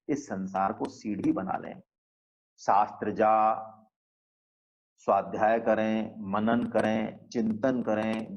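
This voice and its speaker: A man teaching a class on a spiritual scripture, explaining slowly and checking in with the listeners through rhetorical questions. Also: mid-range voice, a little mellow, muffled recording.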